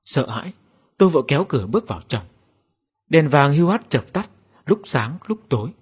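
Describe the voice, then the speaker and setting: A man's voice: fairly high pitch, very animated, fairly quick, slightly rough. A man narrating a first-person horror story in a dramatic, suspenseful way. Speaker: audiobook narrator.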